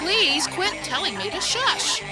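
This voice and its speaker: A woman's voice: very high voice, big pitch swings, unhurried, over music, full character voice. A woman voicing a cheeky female pirate first mate who cracks jokes in a children's TV comedy. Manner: wisecracking, exasperated.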